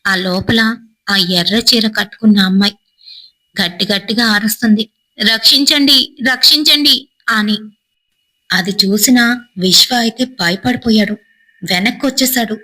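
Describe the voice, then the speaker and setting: A woman's voice: fairly even intonation, moderate pace, long pauses, fairly bright tone, poor audio. A woman narrating a horror story, acting out the characters' frightened cries. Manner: dramatic, voices characters' cries with a raised pitch.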